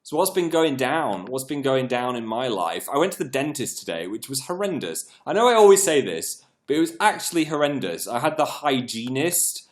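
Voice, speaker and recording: A British man hosting a casual livestream, chatting in a rambling, self-mocking way with a slightly croaky, froggy voice as it recovers from being lost. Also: medium pitch, very animated, normal speed, few pauses. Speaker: live stream host.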